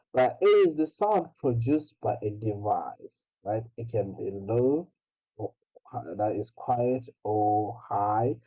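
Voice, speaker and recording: A man teaching an online English lesson, slow and patient, asking "right?" after nearly every phrase. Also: mid-range voice, warm tone, husky, poor audio. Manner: slow, repeats "right?" constantly.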